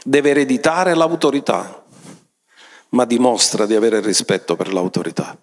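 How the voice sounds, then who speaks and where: A man preaches a sermon with an ordinary mid-range voice. He retells scripture as a story and adds his own commentary, pushing his pitch up to drive each point home. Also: moderate pace. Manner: emphatic, often rising in pitch for stress.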